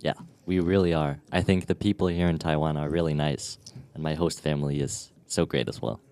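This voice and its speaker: Brief: 17-year-old from Denmark, deep voice, relaxed chat, dry sound. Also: male voice, fairly quick, smooth, no room sound. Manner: relaxed with some uhs. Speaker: guest. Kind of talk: casual podcast chat.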